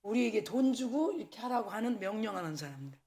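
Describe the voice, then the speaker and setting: A woman pastor preaching a sermon at a church service, telling candid personal stories in a lively way and acting out the dialogue. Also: fairly high pitch, fast, background noise. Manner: candid, animated storytelling with acted-out dialogue.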